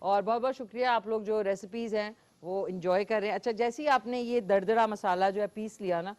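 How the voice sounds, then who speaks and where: A woman with a Pakistani Urdu accent hosts a live cooking show, chatting and using frequent fillers as she cooks and takes callers. Her voice is medium-pitched, a little mellow, and a little fast.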